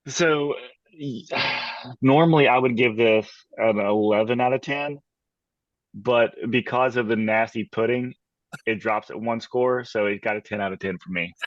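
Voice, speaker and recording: A man's voice: mid-range voice, a little slow, no room sound. Male co-host, vivid storyteller, dry and dull lo-fi sound. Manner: animated storyteller. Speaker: podcast co-host. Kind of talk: casual chat.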